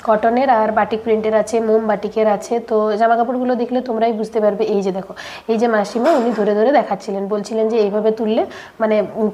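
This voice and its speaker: A woman's voice: fairly high pitch, warm tone. Chatty woman vlogger with a cold. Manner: chatty, addresses viewers directly, many fillers. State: has a cold, voice affected. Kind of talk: casual daily-life vlog narration.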